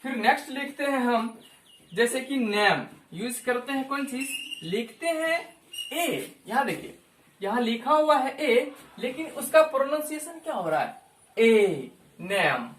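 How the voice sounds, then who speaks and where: A man teaching a lesson as a YouTube teacher, repeating each word slowly and stretching it out to show the pronunciation. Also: very high-pitched, big pitch swings, fairly bright tone, echoey room. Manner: drawn-out, repeats words for pronunciation. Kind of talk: slow explanatory lesson.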